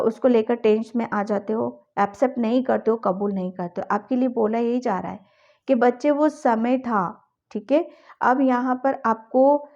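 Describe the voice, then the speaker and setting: A woman reads tarot cards for her viewers in an unhurried, coaxing voice, pitched a little high. She keeps urging them on and checks in after each point. The sound is slightly dull, like a home video recording. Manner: coaxing and encouraging, with a repeated ठीक है at the ends of thoughts. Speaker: tarot reader. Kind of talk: addressing viewers in a tarot reading.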